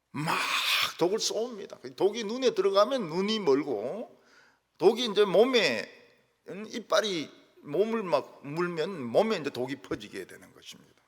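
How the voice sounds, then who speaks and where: An older male pastor delivers a sermon in a fairly high, very expressive voice that rises and falls constantly. He slips into playful dialect impressions as he tells his stories. His voice carries a long reverberant tail from the church hall. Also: husky. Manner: animated storytelling, acts out quarrels in regional dialects. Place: church sanctuary.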